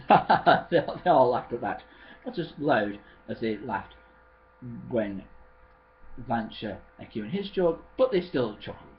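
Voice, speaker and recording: Man retelling a story, halting. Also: mid-range voice, lively intonation, lo-fi sound, slight background noise. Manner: halting, with many restarts and self-corrections.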